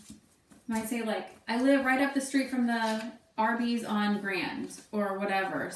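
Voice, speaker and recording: Woman teacher in her thirties, relaxed chatty delivery, distant echoey home recording. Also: medium pitch, slight background noise. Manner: casual, chatty, thinks aloud with fillers. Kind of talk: remote class lesson. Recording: echoey room, voice away from mic.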